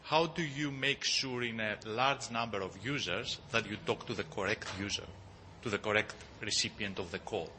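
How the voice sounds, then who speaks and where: Bright-voiced man asking a question. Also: lowish voice, normal speed, hardly any pauses. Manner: hesitant, carefully framed question. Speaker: audience member asking a question. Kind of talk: conference Q&A question. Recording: faint background noise.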